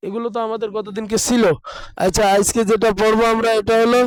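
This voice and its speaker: A man, teaching an online Arabic pronunciation lesson, slowly drawing out letter sounds and chanting rules like a drill. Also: high voice, level tone, clean tone, no echo. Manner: slow, drawn-out demonstration of letter sounds; recites lists in a chanting, drilled way. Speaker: madrasa teacher.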